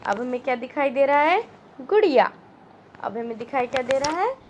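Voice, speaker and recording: A woman's voice: sits high, expressive, moderate pace, slight background noise. A woman teacher giving a children's reading lesson, asking simple questions and spelling words out patiently syllable by syllable.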